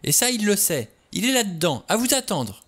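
A man voicing a frightened, desperate young woman in an audiobook reading, speaking in a high, trembling way. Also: sing-song, moderate pace, fairly bright tone, husky, heavily acted. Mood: frantic. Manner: pleading, high-pitched, trembling.

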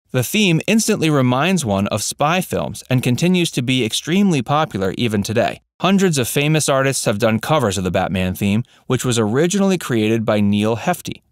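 A man narrating a scripted voice-over, reading facts in an even, read-out way. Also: mid-range voice, dry recording, clean studio sound.

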